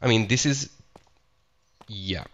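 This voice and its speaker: A young Italian let's play host narrates Minecraft slowly in a lowish, slightly bright voice with an Italian accent. He chats casually and enthusiastically, repeatedly restarting and correcting his phrases. The audio is lo-fi and a bit dull, with music in the background.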